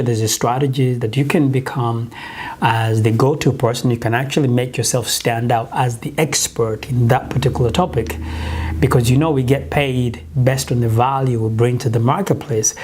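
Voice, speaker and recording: A business coach in his thirties with a Ugandan accent gives an earnest, urging motivational talk to camera in a small office kitchen, wearing a lapel mic. His voice is mid-range with a darkish tone.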